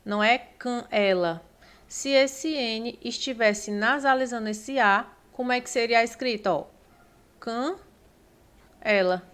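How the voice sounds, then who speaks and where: A woman's voice: medium pitch, a bit bright. Brazilian woman teaching grammar. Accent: Brazilian Portuguese. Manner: explanatory, repeats words slowly and points with "ó" and "tá?". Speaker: Portuguese teacher. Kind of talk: exam-prep grammar lesson at a whiteboard.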